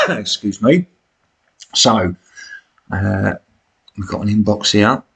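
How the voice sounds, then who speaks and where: A British man with a smoker's rasp and cough, giving chatty, blokey, self-deprecating commentary on a football management game as he live streams. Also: fairly low pitch, takes it slowly, bright, forceful tone.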